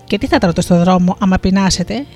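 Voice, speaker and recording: A storyteller gives voice to a fatherly sun in a spoken folktale, asking gentle, caring questions in a mid-pitched voice. Faint music plays underneath. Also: natural voice. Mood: questioning. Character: kindly sun as a lordly old man.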